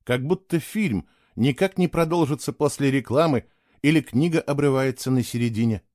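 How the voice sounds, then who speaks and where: A man reading an audiobook in expressive scripted narration. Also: mid-range voice, moderate pace, dry recording, clean studio sound. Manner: expressive storytelling.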